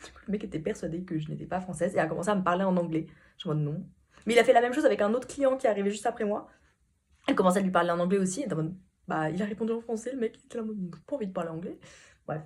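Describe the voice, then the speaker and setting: A woman's voice: medium pitch, racing, a little mellow. A young woman vlogging in casual, rambling chat, laughing often, with a starting cold. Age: young adult. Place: hotel room. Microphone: phone camera.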